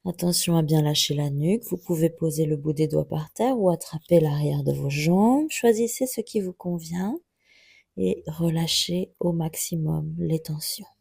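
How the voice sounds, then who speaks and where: A woman teaching a yoga class, giving calm, gently guiding cues through each pose. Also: low voice, moderate pace, creaky, slightly rough. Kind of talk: guided yoga instruction.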